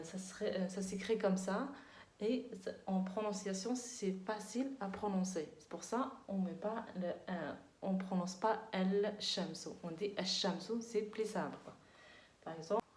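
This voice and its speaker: A woman teaching a language lesson, patiently repeating words slowly and often checking that her students understand. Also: mid-range voice, roomy sound. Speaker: Arabic teacher.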